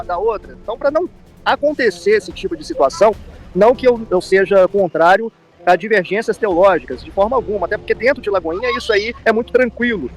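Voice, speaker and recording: In a low-quality recording, a high-voiced man with a Brazilian accent speaks as a pastor during an interview. He explains things by repeating himself and keeps adding tag questions to seek agreement.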